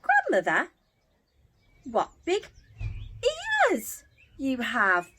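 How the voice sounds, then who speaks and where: A woman's voice: on the high side, wildly swooping pitch, drawn-out words, pushed and bright, slight background noise, exaggerated voice. A woman voicing a sweet, innocent, wide-eyed little girl from a children's storybook in a singsong manner. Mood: amazed, wary.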